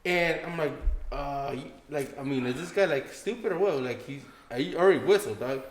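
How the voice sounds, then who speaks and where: A man's voice: a little high, moderate pace. A young man hosting a podcast in casual chat, slangy and profane, often calling people "dog". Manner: slangy, says "dog" a lot, swears. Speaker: podcast host. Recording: echoey room.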